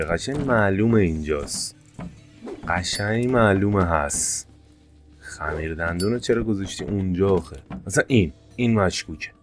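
A man commentating his gameplay casually, excitable, jumping to sudden high-pitched yelps. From Iran. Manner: excitable, jumps to high-pitched yelps when fires start. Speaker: gameplay streamer. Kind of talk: casual let's-play commentary.

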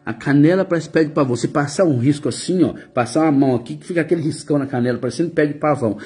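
Chatty, slightly high-voiced Brazilian man. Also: very fast, mellow. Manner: chatty, teasing, greets viewers by name. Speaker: psychic live-stream host. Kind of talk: casual live-stream chat. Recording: faint music behind.

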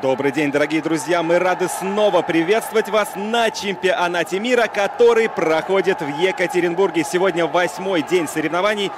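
High-pitched male boxing commentator. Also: brisk, hardly any pauses. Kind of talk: live sports commentary. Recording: crowd noise behind commentary mic. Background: arena crowd.

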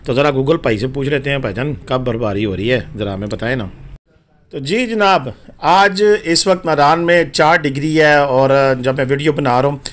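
A man's voice: mid-range voice, normal speed. A man narrating a travel and weather update as a voice-over, chatty and informal, with frequent fillers.

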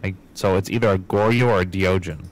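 A man's voice: deep voice, steady tone, brisk. A man playing a ghost-hunting game with friends, thinking aloud as he works through the clues in a casual murmur. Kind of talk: casual gaming chat with friends.

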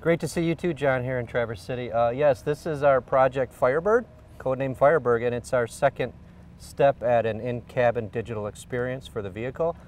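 Outdoors by a car, a middle-aged engineering executive talks through a product on camera, leaning on frequent fillers, at a fairly quick pace. His medium-pitched voice, captured on a lapel mic, sounds distant, with slight background noise.

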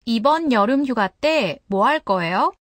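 A woman voicing a helpful young woman offering to show a visitor around, in a scripted textbook dialogue with clear, careful delivery. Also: fairly high pitch, animated, racing, no echo, studio quality, close to an everyday voice. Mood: friendly. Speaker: dialogue model speaker.

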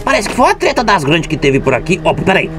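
A man talks through a shooter match, his voice swinging up and down as he exclaims and mimics gunshots. Game music plays clearly behind him. He sounds animated and excitable throughout. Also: sits high, fast talker. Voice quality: lively, exclaiming, calls shots with sound effects. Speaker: gaming streamer. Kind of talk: excited gameplay commentary.

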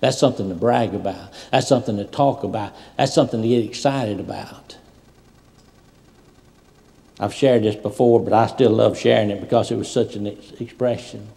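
A man preaching a sermon as a pastor, telling stories and swinging from loud preaching to soft asides. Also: lowish voice, moderate pace, gravelly. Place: large church sanctuary. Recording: long hall reverb.

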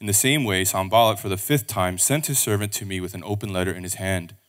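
A man reading scripture aloud at a pulpit microphone in a church service, steady and measured. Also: low-pitched.

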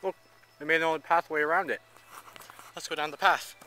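In a rough recording with slight background noise, a young man talks a little fast in a fairly high, bright, forceful voice with fairly even intonation. The house painter and vlogger jokes and rambles to his handheld camera, held at arm's length, around an outdoor deck and yard.

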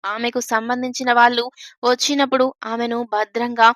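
An elderly hill chief with a grey beard lays down the law in a storybook tale, read by a woman. His orders come firm and steady. The voice sits high and is recorded dry and close. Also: normal speed, no echo, close to an everyday voice. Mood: commanding.

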